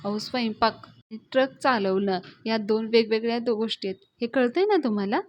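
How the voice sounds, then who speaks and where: A woman's voice: fairly high pitch, normal speed, slight background noise, lightly acted. A woman voicing a cheeky, carefree young man who teases in a sassy way. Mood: teasing.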